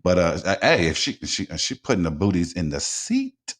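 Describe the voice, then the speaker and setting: A man's voice: low-pitched, big pitch swings, normal speed, fairly bright tone. A man hosting a casual talk radio show, blunt and informal, rambling with frequent restarts and repeated words.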